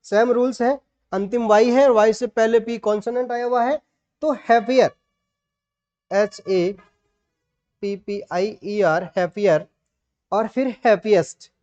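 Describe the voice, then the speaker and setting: Here a man with a Rajasthani Indian accent gives an online grammar lesson in an extremely high, dark voice. He walks through the rules step by step and spells words out letter by letter. The audio is lo-fi and dull.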